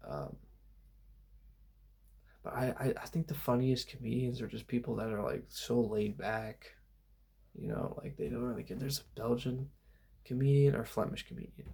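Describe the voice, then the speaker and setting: A young man talking softly in a loose, meandering ASMR ramble, laid-back and full of fillers. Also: medium pitch, gravelly, husky. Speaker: ASMR channel host. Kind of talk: soft-spoken ASMR rambling.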